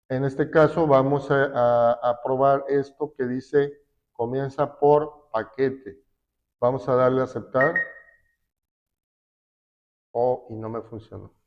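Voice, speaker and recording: A man teaching a class, slowly explaining a spreadsheet step by step with fillers. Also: medium pitch. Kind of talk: classroom software lesson. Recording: dull lo-fi recording.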